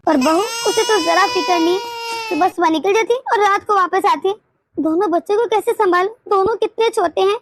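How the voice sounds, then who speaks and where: A woman's voice: extremely high pitch, a little fast, a little hiss or hum. A woman voicing a tired old grandmother in a cartoon, complaining of a headache and grumbling. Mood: weary complaining. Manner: weary, complaining. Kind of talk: cartoon dubbing.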